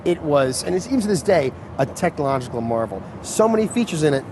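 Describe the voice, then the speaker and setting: A man talks casually outdoors, rambling through enthusiastic explanations and stopping often for fillers. His voice sits a little high for a man. Loud street and traffic noise runs under the whole recording. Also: sing-song, quick pace. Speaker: car owner guest. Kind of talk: casual chat. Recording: noisy outdoor street sound.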